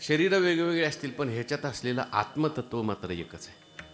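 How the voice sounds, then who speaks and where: A man with a Marathi accent preaching a devotional kirtan sermon, telling stories and breaking into loud sung verses. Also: a little high, sing-song, fairly quick. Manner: rises into loud sung chants, storytelling with dialogue.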